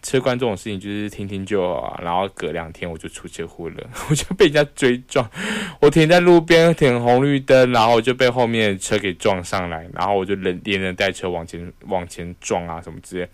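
Young man, Taiwanese Mandarin accent, low voice, dry close sound, animated casual storytelling. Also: a little fast, hardly any pauses, smooth, dry recording. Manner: animated, acts out quoted voices. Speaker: podcast host.

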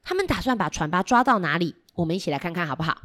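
A woman storyteller reading a picture book to small children in an animated way, coaxing them with questions. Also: fairly low pitch, rapid-fire.

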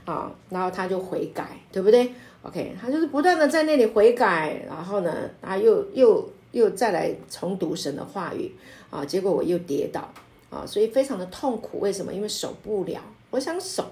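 Animated woman pastor leading Bible study. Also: mid-range voice, moderate pace. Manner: emphatic, animated, many filler sounds; laughs often while explaining.

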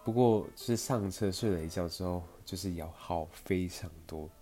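A man's voice: low-pitched, normal speed, mellow, faint music behind. A young man with a Taiwanese Mandarin accent, telling a personal story in a chatty, meandering podcast style full of fillers. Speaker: podcast host.

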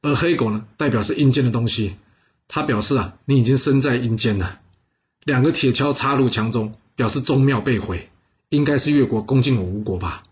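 A man voicing a doomed male court fortune-teller who speaks low, hushed and resigned. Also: a little fast, natural voice. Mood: solemn.

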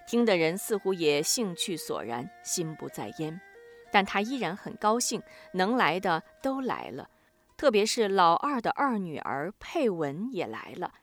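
A woman narrating a novel chapter as a scripted audiobook, switching her pitch for each family member in the dialogue. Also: measured pace, soft background music. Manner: voices the family's dialogue with lively pitch shifts.

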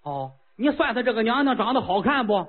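A man's voice: big pitch swings, brisk, full character voice. A man voicing an impatient, girl-crazy ancient king who pleads and whines eagerly. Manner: eager, whiny, high-pitched pleading. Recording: tinny lo-fi phone-like sound.

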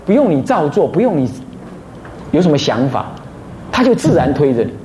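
A man's voice: fairly high pitch, sing-song, brisk, warm tone. Monk man preaching, keeps asking "right?", voice swoops up n down, echoey room. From Taiwan. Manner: asks listeners rhetorical questions often; mixes Taiwanese phrases into Mandarin. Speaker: Buddhist abbot. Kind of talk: dharma talk on precepts. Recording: roomy echo, faint noise.

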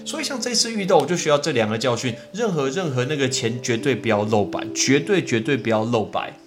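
A man hosting a podcast, telling a story and then teaching English words, lively and animated. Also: over music. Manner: lively, swings pitch up when telling the story, slow when drilling words. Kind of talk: casual storytelling and vocabulary lesson.

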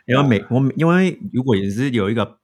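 A man who is a native English speaker chats casually in halting, foreign-accented Mandarin, slipping in English words. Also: medium pitch, expressive, slightly rough. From outside Taiwan, abroad. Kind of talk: casual chat.

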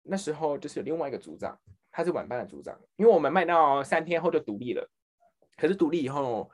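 A man with a Taiwanese Mandarin accent telling a work story in casual podcast chat, acting out the people he quotes. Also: fast. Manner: animated, acts out quoted people with big pitch jumps. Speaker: podcast co-host.

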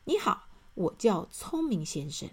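A woman's voice: mid-range voice, very animated, unhurried, darkish tone, husky, full character voice. A woman voicing a proud man in a children's storybook, talking in a boastful, easily flustered manner. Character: proud man thought to be the cleverest.

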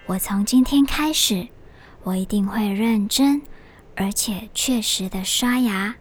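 A woman voicing a shy little girl in a storybook, speaking softly and sweetly in a hushed, unhurried way. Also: medium pitch, faint music behind, natural voice. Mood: earnest. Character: small shy girl nervous at the dentist.

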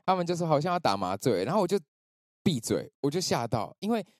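A man with a Taiwanese Mandarin accent chats on a podcast, telling a personal story in a rush. His pitch leaps up and down as he acts out the people he met. The sound is close and dry, with no room echo. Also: fast. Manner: animated storytelling, acts out quoted voices. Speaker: podcast host. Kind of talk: casual chat, storytelling.

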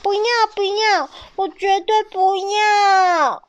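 一位女性在给孩子讲的故事里扮演一只天真黏人的甲龙宝宝，声音尖细稚嫩。. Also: female voice, a little slow, dull audio. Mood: tearful. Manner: high childlike pleading. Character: little baby ankylosaur, sweet, clingy, eager.

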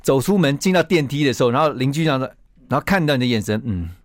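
A man with a Taiwanese Mandarin accent, a guest on a radio interview, telling a story with lively acted-out quotes. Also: mid-range voice, fast talker. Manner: animated storyteller who acts out quoted lines.

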